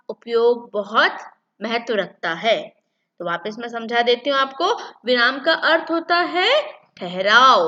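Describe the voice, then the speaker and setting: A woman's voice: high-pitched, pushed and bright, dull audio. A woman teaching a lesson to children, repeating key points and asking then answering her own questions. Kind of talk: classroom-style lesson for children.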